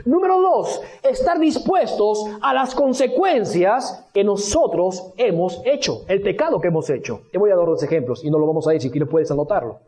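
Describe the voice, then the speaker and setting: A man preaching a sermon, his voice swinging high and low as he preaches. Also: lively intonation, normal speed, warm tone. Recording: dull lo-fi radio broadcast.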